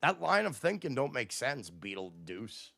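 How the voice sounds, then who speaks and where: A man's voice: mid-range voice, very animated, measured pace, gravelly, sharp tone, no echo. A man hosting a livestream, ranting at his chat in a profane, combative way. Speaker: livestream host. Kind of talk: casual livestream rant to chat.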